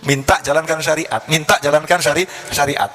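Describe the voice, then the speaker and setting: A male preacher delivers a sermon in a mosque, telling a story with lively humor. His voice is bright, fairly high, and very quick. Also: soft background music.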